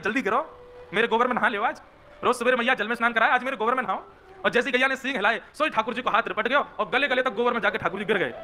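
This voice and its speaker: A man telling a devotional story as a sermon, animated and folksy, with acted voices. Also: extremely high pitch, a little hiss or hum. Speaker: devotional preacher.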